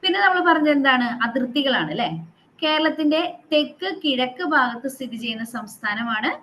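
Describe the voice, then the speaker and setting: Higher-voiced woman teaching a class. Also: expressive, a little fast, pushed and bright, slight background noise, rough recording. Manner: quizzes the class and repeats figures to drill them; mixes English terms into her teaching. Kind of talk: classroom geography lesson.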